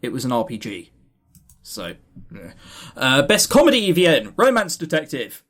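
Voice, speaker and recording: His mid-range, fairly bright voice swings hugely in pitch at a moderate pace as he co-hosts a podcast. Rambling casually through award lists, he swears now and then and jokes with dry sarcasm.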